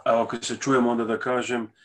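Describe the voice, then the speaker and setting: A man asks a reporter's question at a press conference, stringing clause after clause together. His delivery stays fairly flat and even throughout. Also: mid-range voice, quick pace. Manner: long, rambling, enthusiastic questions.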